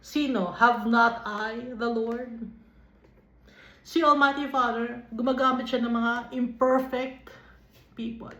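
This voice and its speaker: A woman with a Filipino accent leading a Bible study, reading verses aloud and then explaining them in an unhurried way, switching between English and Tagalog. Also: a little high, steady tone, fairly bright tone. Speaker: Bible teacher. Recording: dull, lo-fi recording in an echoey room.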